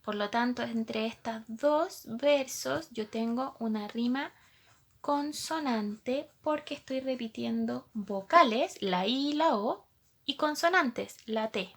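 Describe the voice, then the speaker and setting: A woman's voice: on the high side, slow pace, creaky. A woman teacher, patiently explaining a lesson to young pupils and asking them questions as she goes.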